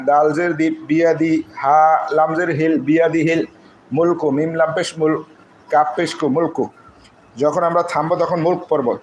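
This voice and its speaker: A man teaching Quran recitation, breaking words into single syllables and drawing out the recited phrases. His voice sits a little high and stays flat in pitch. A faint hiss runs underneath. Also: low-quality recording. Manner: slow syllable-by-syllable drilling, drawn-out recited phrases. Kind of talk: spelling out Arabic letters and vowels, then explaining.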